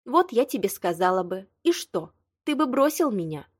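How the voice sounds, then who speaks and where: A woman reading the lines of a prickly young woman, hurt but proud, defensive and quick to flare up. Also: medium pitch, sing-song, no room sound, clean studio sound. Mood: flaring. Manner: tearful, defensive, flaring. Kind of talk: audiobook dialogue reading.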